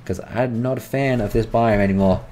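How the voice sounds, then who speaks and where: A man's voice: mid-range voice, a little fast, dark tone, a little hiss or hum. A man, rambling chattily through let's-play game commentary and talking to his in-game creatures. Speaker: gaming channel host.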